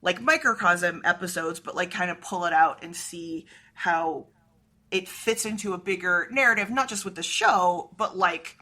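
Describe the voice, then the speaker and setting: A woman's voice: fairly low pitch, moderate pace, bright, forceful tone. A woman co-hosting a podcast in casual chat, talkative and often checking in with "right?". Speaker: podcast co-host.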